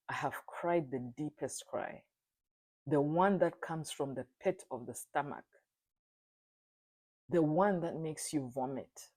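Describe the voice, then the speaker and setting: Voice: mid-range voice, a little mellow. Earnest solemn speaker. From Zambia. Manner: earnest and solemn, halting restarts when speaking freely. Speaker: speaker sharing a personal testimony. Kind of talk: reflective spoken testimony.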